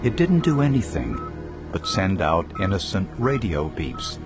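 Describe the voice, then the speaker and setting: Male documentary narrator, low and slow, dramatic scripted read. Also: big pitch swings. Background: loud music.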